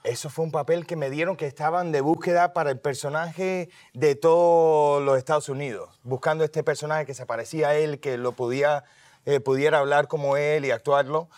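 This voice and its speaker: Relaxed, slightly high-voiced male guest. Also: dry recording, studio quality. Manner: easygoing, switches between Spanish and English. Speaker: guest actor. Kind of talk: casual interview chat.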